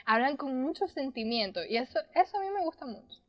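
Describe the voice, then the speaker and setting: A young adult woman, co-hosting a podcast in an expressive, chatty way with casual swearing. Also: high-pitched, a little fast. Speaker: podcast co-host. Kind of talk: casual chat.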